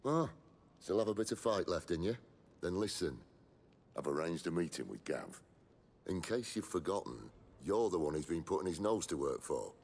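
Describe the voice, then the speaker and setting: An actor playing a gruff, sardonic, commanding rebel leader in a video game, with a gravelly British voice and a dry, blunt way of talking. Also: male voice, low-pitched, sing-song, normal speed, a little mellow, full character voice. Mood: sardonic, brisk.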